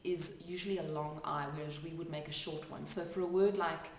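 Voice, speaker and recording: A woman who works as an accent coach gives a spoken lesson, explaining sounds step by step and pausing to demonstrate them. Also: low-pitched, steady tone, a little hiss or hum. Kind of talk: instructional talk to camera. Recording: echoey room, mic at a distance.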